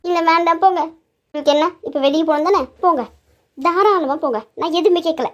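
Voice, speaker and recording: A woman's voice: very high-pitched, brisk. A woman voicing a sulky, affectionate young woman in a cartoon, pouting and insistent. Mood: hurt. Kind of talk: cartoon voice acting.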